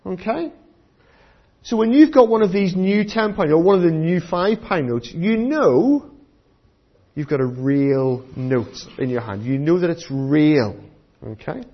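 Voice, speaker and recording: A man's voice: on the high side, animated, measured pace, highs cut off. A British man giving a children's sermon, teaching like a kids' presenter with simple questions put to the listeners. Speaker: preacher giving a children's talk. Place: church.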